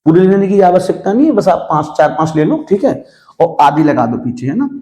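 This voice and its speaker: A man teaches a grammar lesson in a fairly high but mellow voice, calling his students "beta" and pausing often to check that they follow. He poses questions and answers them himself, and recites verse lines slowly and deliberately. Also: big pitch swings. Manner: addresses students as "beta", checks with frequent "theek hai". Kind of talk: classroom-style lesson.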